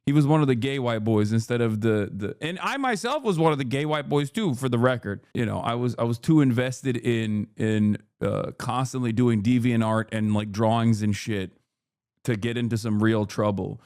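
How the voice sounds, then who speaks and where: A man's voice: medium pitch, normal speed, darkish tone, dry recording. A man in his thirties, raised in Turkey, chats loosely and profanely over clips he is reacting to. He rambles and throws in joking asides. The recording is dry and close. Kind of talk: casual reaction commentary.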